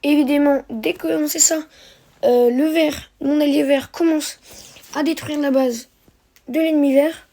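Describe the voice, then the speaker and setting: A woman narrates a replay of a strategy game for viewers, sounding hesitant and correcting herself often amid many fillers. Her high voice is warm, steady, and unhurried.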